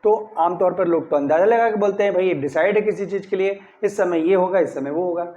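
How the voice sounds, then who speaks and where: An English grammar teacher, male, walks his class through a grammar lesson step by step, often asking "clear?" and stressing key words in his model sentences. His high voice has a dark tone and a quick pace, and the recording sounds somewhat dull and lo-fi.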